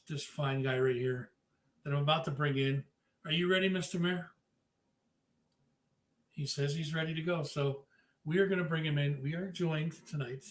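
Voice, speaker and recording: A man hosting a live-streamed interview, upbeat and chatty, giving shout-outs to viewers. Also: a little high. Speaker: podcast host. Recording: echoey room with faint noise.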